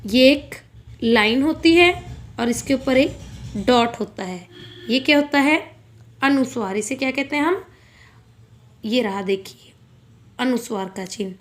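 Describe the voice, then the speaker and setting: A woman's voice: high voice, expressive, unhurried, long pauses. A woman teaching a school grammar lesson, patiently asking questions and answering them herself. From India.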